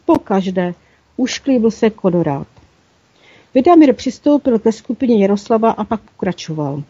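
A woman narrating a story aloud in a steady reading voice, now and then correcting small slips. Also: a little high, slightly rough, no echo. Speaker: audiobook narrator. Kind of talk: scripted narration. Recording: dull lo-fi dry recording.

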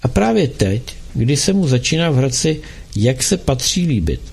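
A man reads a novel aloud in a measured, expressive storytelling manner. His voice is gravelly with a husky edge. The pitch moves in a lively way through each sentence. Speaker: narrator.

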